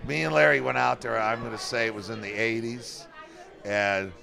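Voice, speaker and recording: A man's voice: medium pitch, steady tone, normal speed, creaky, bright, forceful tone. A man in his sixties telling rambling anecdotes with quoted dialogue in a casual chat. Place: convention center room.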